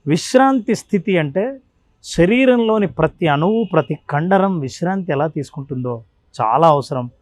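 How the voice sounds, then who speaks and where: ఒక పురుషుడు ధ్యాన గురువుగా, ఆరుబయట ప్రకృతిలో ఇంటర్వ్యూలో ఒక్కొక్క అంశాన్ని శ్రద్ధగా వివరిస్తున్నాడు. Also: male voice, fairly high pitch, animated, normal speed, no room sound. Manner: earnest, lists points one by one. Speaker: meditation mentor. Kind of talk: explanatory interview talk. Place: outdoors in nature.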